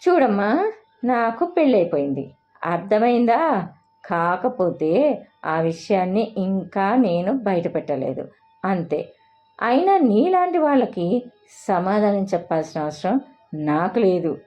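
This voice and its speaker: A woman's voice: medium pitch, sing-song, measured pace, long pauses, highs cut off, soft background music. Woman as a fierce, defiant young woman. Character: angry young pregnant woman defending her mother.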